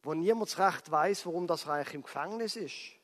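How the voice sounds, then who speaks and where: A man's voice: a little high, expressive, fairly quick, close to an everyday voice. A man voicing a royal cupbearer who talks in an offhand, chatty way, in a reverberant hall. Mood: musing. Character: male royal cupbearer recalling a prisoner.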